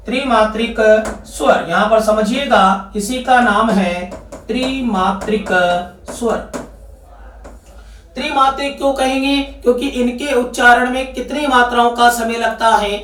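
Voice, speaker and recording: In an echoey room, with the mic picking him up from afar, a man with a very high, fairly bright voice gives exam-prep Hindi grammar instruction. His accent is Rajasthani Hindi, and he keeps asking questions only to answer them on his own.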